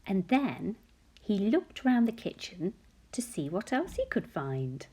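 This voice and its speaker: A woman reading a picture book aloud to young children, expressive and often putting questions straight to her listeners. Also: medium pitch, slow pace, husky.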